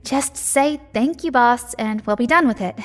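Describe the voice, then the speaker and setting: Her fairly high voice, close to how she'd speak day to day, moves at normal speed as she acts a flippant shop owner and undercover agent in a naturalistic audio drama. She comes off sly, sardonic, breezy and apologetic.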